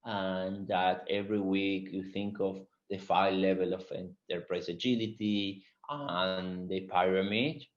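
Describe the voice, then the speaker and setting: A man with a strong Spanish accent giving a webinar talk as guest speaker, animated and full of fillers and restarts. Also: low voice, a little slow, hardly any pauses, lo-fi sound. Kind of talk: webinar presentation.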